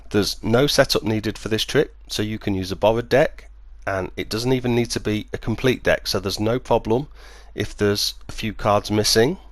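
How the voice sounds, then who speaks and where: A man speaking as a magician, demonstrating and explaining a card trick step by step in clear, measured phrases. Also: lowish voice, no room sound. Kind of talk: instructional demonstration, patter and explanation.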